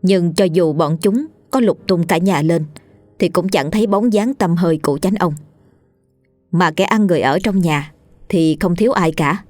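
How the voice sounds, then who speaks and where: A woman with a low voice tells a ghost story in a steady, dramatic way. The recording is dry and close, with soft music running underneath. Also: moderate pace, no room sound. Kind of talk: scripted ghost story narration. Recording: dry studio voice with faint music.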